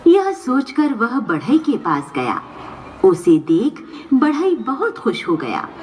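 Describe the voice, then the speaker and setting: A woman's voice: fairly high pitch, huge pitch swings, slow, darkish tone, a little hiss or hum. A woman narrating a story in a school skit, telling it expressively. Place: school stage.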